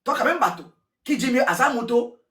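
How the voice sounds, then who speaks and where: A woman giving casual gossip commentary, repeating words and switching languages in an excitable way. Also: fairly high pitch, a little fast. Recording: roomy echo, distant from mic.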